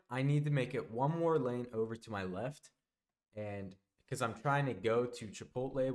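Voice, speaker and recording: A young man telling a casual storytime monologue, rambling and backtracking, often dropping into quieter asides. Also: medium pitch. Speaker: vlogger.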